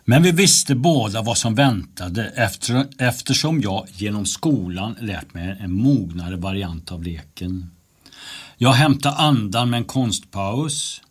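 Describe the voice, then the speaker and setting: A man narrating a first-person story in a calm, measured reading voice. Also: lowish voice, husky.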